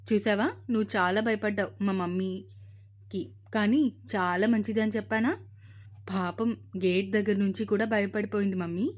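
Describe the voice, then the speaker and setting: A woman voicing a young husband who gently reassures his new wife in a storybook reading. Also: medium pitch, steady tone, moderate pace, natural voice. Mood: reassuring.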